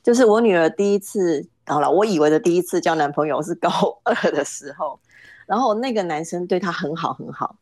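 A woman's voice: fairly low pitch, animated, fairly quick, a little mellow, no echo. A middle-aged woman, a podcast guest telling a family story casually, hesitant, often repeating words as she starts.

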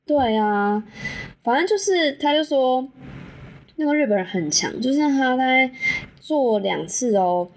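A woman's voice: high voice, expressive, a little slow. Frank, chatty Taiwanese woman podcaster. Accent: Taiwanese Mandarin. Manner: frank, chatty, swears casually and laughs often. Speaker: podcast host. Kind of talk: candid solo podcast storytelling.

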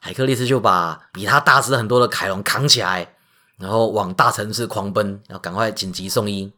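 A man with a Taiwanese Mandarin accent, hosting a podcast and retelling myths in a lively, joking way. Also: fairly low pitch, fairly quick. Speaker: podcast host. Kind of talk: casual storytelling podcast.

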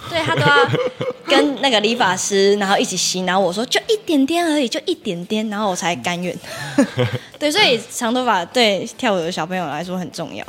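A woman dance teacher, telling stories on a podcast in an animated, laughing way. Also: medium pitch, brisk, soft background music. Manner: animated, laughing retelling with playful repetition. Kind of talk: podcast storytelling.

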